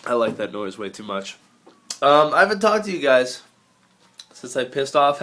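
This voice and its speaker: A man's voice: medium pitch, pushed and bright, slight background noise. A young man with a head cold, vlogging in a casual, rambling way and making sarcastic jokes. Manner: sarcastic, jokey, riffs in mock voices.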